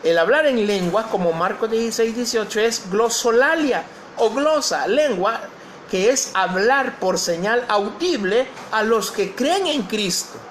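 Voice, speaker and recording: A man's voice: high-pitched, animated, a little slow, fairly bright tone, slight background noise. A male pastor preaching a sermon, posing questions to the congregation and reading scripture aloud.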